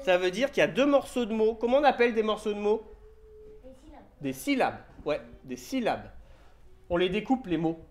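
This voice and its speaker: A man teaching young children in a classroom, speaking slowly and patiently through a face mask and sounding out letters. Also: high-pitched, sing-song. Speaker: primary school teacher. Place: school classroom. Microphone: handheld mic held by a pupil.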